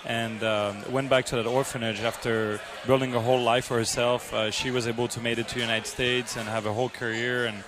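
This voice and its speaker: A man's voice: mid-range voice, flat delivery, brisk, few pauses, noisy background. A man from the south of France with a French accent, speaking earnestly as an interview guest, with many fillers and restarts. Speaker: guest, charity supporter and restaurant owner. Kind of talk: conversational interview. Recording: music playing underneath.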